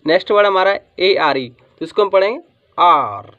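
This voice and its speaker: High-voiced man teaching English phonics. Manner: asks questions and answers them himself, sounding out letters; drawls some words slowly for emphasis. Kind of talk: spoken phonics lesson. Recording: dull lo-fi sound.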